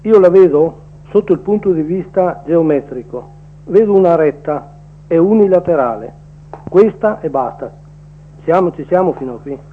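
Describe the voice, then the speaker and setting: A male caller is heard over the phone, his fairly high voice muffled by the line. He speaks plainly and earnestly. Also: lively intonation, normal speed. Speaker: radio call-in caller. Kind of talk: casual opinion on air.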